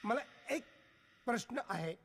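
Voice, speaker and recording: An actor playing a middle-aged uncle who keeps firing questions in a comic film scene. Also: male voice, very high-pitched, lively intonation, measured pace, creaky, noisy background, full character voice. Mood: puzzled. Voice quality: insistent, repetitive questioning. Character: fussy middle-aged man, bewildered uncle. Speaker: uncle of the household. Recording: film soundtrack with loud music.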